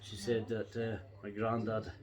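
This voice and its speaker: A man's voice: fairly low pitch, monotone, a little slow, a little mellow. A middle-aged or older Scottish man chatting casually to camera, reminiscing in a rambling, folksy and reflective way. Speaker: pipe-smoking vlogger.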